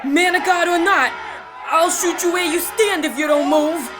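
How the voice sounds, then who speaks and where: An actor playing a desperate soldier with folksy, rough slangy talk in an audio drama. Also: extremely high pitch, moderate pace, shouting. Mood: frantic, threatening. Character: panicked gunman soldier, desperate, later weak and dying. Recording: music and crowd din behind.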